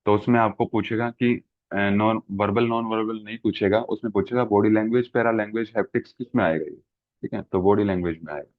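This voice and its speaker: Low-voiced male teacher, dry phone-like sound. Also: fairly even intonation, a little fast, no room sound. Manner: explains with everyday examples, frequent "ठीक है" checks. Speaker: exam-prep teacher. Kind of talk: classroom lecture.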